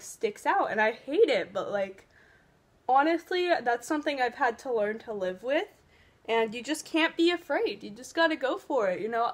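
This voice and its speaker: A teenage girl chatting casually while doing her makeup, giving earnest cheer tryout advice with lots of fillers. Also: fairly high pitch. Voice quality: loud voice. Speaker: beauty vlogger. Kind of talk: casual get-ready-with-me chat.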